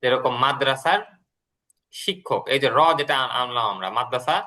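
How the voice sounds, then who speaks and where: Bright-voiced teacher explaining patiently. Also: male voice, medium pitch, normal speed. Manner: explains patiently, repeating words and translations. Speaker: English teacher. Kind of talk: classroom lesson.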